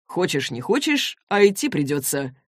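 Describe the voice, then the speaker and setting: A woman voicing a cool, self-assured young man in an audiobook, with a calm, slow, slightly lowered delivery. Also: no room sound, studio quality. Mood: cool, unbothered. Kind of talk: audiobook character voice.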